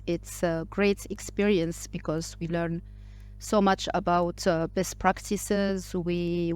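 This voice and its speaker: This hesitant podcast guest, an entrepreneur from Morocco, speaks English in a casual interview, frequently stumbling with fillers and restarts. Her voice sits on the low side, slightly mellow, with a clean tone.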